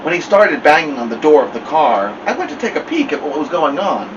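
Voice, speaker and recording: Animated man reading a story aloud. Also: a little high, fairly quick, dull audio. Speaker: storytime host. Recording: distant mic, air-conditioner hum.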